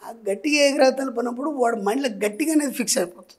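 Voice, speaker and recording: A man's voice: very high-pitched, very fast. A man, a spiritual teacher and guest, giving advice in an explanatory way and often stopping to check that the listener understands. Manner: keeps checking understanding with rhetorical questions.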